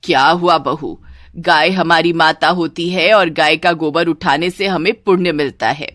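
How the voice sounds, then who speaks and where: A woman plays a bossy, scolding mother-in-law in an animated storybook, pitched lower and heavier than the storyteller's own voice. The recording is close and dry. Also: a little slow, dry recording. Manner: scolding, domineering. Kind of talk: Hindi storybook voice acting.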